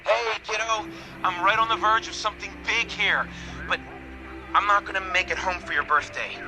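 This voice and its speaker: Absent dad on a radio call played by an actor, apologetic, hurried, fairly high voice, music under it. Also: male voice, fairly even intonation, natural voice, low-quality recording. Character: distant father radioing his young son.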